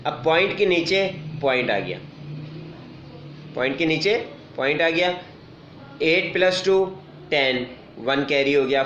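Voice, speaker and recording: Brief: male math teacher, slightly high voice, repeats himself to drill points, echoey dull recording. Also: a bit bright, a little hiss or hum. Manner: repeats key points and asks rhetorical check questions. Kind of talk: classroom math lesson.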